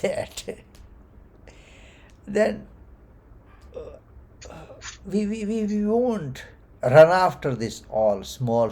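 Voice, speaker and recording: A man teaching a scripture class in a temple hall, explaining verses and chuckling often as he talks. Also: mid-range voice. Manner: chuckles often while explaining, with gentle emphasis.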